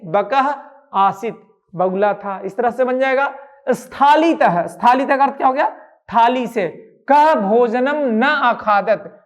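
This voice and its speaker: A man, a Sanskrit teacher, explaining a school lesson step by step, asking questions aloud and answering them himself. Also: extremely high pitch.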